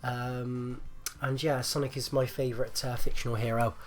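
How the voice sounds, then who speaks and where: A man's voice: medium pitch, flat delivery, normal speed. Phlegmy man with a chesty rattle. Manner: hesitant, rambling, repeats himself. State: phlegmy, getting over flu. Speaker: gaming video host. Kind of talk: casual gameplay commentary.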